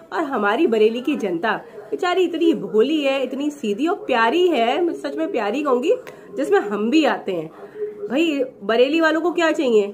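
A woman in her thirties from India, chatting sarcastically to a phone camera in a small room, slipping English phrases into her talk. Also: high voice. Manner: gestures with her hands as she talks. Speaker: vlogger. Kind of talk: casual review vlog.

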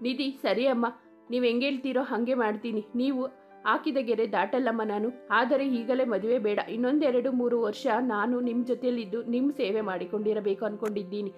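A woman's voice: fairly high pitch, fairly even intonation, fairly quick, muffled recording, soft background music, natural voice. A woman reading the lines of a shy, devoted young woman in a story, speaking playfully.

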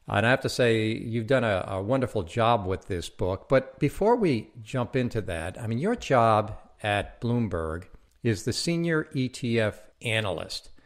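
A man hosting a podcast interview, reading a prepared introduction and then asking plain, measured questions. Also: fairly low pitch, big pitch swings. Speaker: podcast host.

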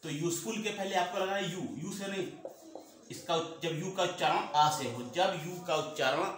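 Male teacher, fairly high lively voice, drills points by repeating them, recorded in a very echoey room with faint noise. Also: moderate pace. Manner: repeats points, asks and answers own questions. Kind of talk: classroom lesson.

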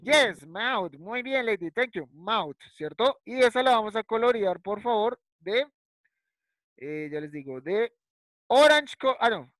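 At a measured pace and with lively intonation, a man whose voice sits high and a bit bright teaches first graders English by video call, switching between Spanish and English. This primary school teacher patiently repeats words and ends lines with ¿cierto? and ¿listo?. Dry, rough recording.

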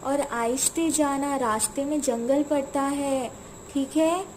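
A woman's voice: high-pitched, slow, a little mellow, slight background noise, poor audio. A woman voicing an anxious, caring mother in a doll cartoon, cautioning and fretful.

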